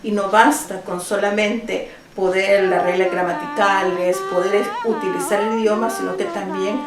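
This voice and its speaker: A woman's voice: medium pitch, fairly even intonation, normal speed, a crowd in the background. A woman from El Salvador, a teacher, answering interview questions at home, earnest and thoughtful with small restarts. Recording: roomy, mic at a distance.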